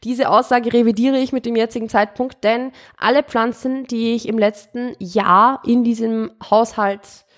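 A woman's voice: fairly high pitch, fairly even intonation, moderate pace, hardly any pauses. A young woman hosting her podcast, answering listener questions in a chatty, rambling way, often correcting herself and dropping in English words. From Austria. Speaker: podcast host. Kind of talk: casual Q&A monologue.

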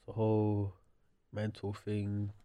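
A man's voice: lowish voice, completely flat delivery, takes it slowly, dark tone. A man with a London roadman accent bantering casually on a podcast in joking street slang. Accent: London, urban slang.

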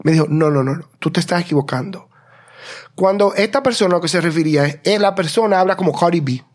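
Man, Spanish first language, higher-pitched voice, quick animated storyteller on a chat show. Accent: Spanish accent in English. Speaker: podcast co-host. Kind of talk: casual conversation.

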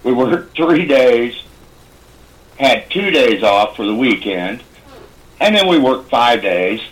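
A man's voice: mid-range voice, big pitch swings, takes it slowly, rough recording. A man with a mid-range voice co-hosts a talk show. He speaks in an informal, conversational way, as in a casual chat.

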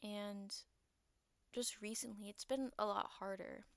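A woman's voice: mid-range voice, steady tone, measured pace, creaky, no echo. A young woman talking alone on her podcast, rambling with lots of fillers, her voice a little shaky and nervous. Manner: rambling, filler-heavy, self-deprecating. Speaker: podcast host. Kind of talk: casual solo podcast monologue.

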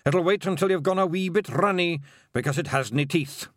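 A man's voice: a little high, brisk, no room sound, studio quality, voice pushed up, natural voice. A man voicing a boastful little male pixie chieftain with a Scottish accent. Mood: gruff.

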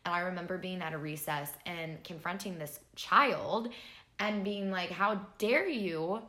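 A woman's voice: on the low side, normal speed, sharp tone, echoey room. A woman in her twenties co-hosting a podcast, chatting casually over wine with lots of "like" and easy laughter. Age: 20s. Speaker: podcast co-host.

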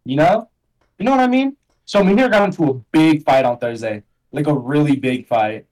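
A man's voice: fairly high pitch, lively intonation, brisk, darkish tone, poor audio. A young man chatting casually as a podcast guest, rambling in slang and filling his talk with "like" and "bro". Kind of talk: casual chat.

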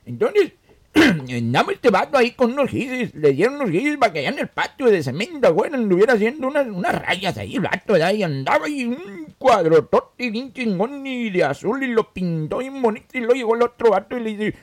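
A man's voice: very high voice, big pitch swings, a little fast, dry recording, exaggerated voice. A man voicing Don Machín, a crude, joking Mexican character with a Mexican accent who tells rambling, foul-mouthed stories. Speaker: comic guest character.

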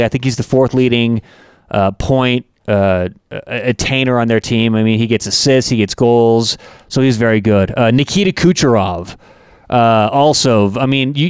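A man with a Canadian accent chatting casually about hockey as a podcast co-host, excitable and animated. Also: medium pitch, clean tone, no echo, clean studio sound. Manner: excitable, animated when imitating announcers. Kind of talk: casual sports chat.

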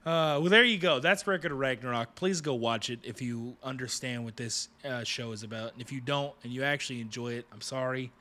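Brief: man, wry co-host, bright tense tone, casual. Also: mid-range voice, fairly quick, hardly any pauses. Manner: joking, wry, signs off the show. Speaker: podcast co-host. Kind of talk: casual chat.

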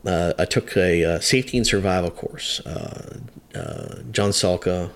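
A man's voice: low-pitched, unhurried. A man in his fifties, a veteran firefighter, telling a long story in a podcast chat, rambling with hesitant restarts. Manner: rambling, hesitant, many restarts, acts out quotes. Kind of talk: conversational storytelling.

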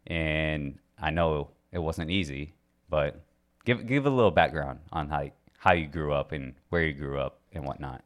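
A man hosting a casual interview, relaxed and affirming, often answering with a short yeah. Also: very deep voice, moderate pace. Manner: relaxed, affirming with frequent yeahs. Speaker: host.

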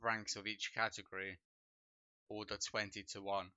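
Low, bright-toned man chatting loosely. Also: moderate pace, dry recording, dull audio. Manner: relaxed, rambling, thinks out loud. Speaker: podcast host and streamer. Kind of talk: casual gaming chat.

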